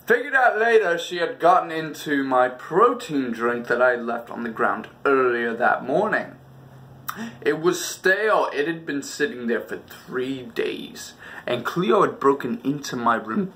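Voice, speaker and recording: A man with a medium-pitched, fairly bright voice hosts a comedic storytelling video at an unhurried but animated pace. He tells personal stories in a theatrical, exaggerated way, acting out reactions and adding sound effects.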